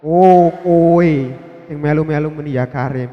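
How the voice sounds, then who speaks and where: A gruff, hot-tempered pilgrim man, as a young preacher puts him on snaps and scolds in a slightly high voice. His words ring through a reverberant hall. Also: moderate pace, highs cut off, lightly acted. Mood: scolding. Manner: scolding in Javanese.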